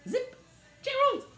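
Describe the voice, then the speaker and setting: A man voicing a bubbly, excitable young female pig in a storybook read-aloud, squealing and sing-song. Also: extremely high pitch, roomy sound, heavily acted. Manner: bursting with excitement, exclaims.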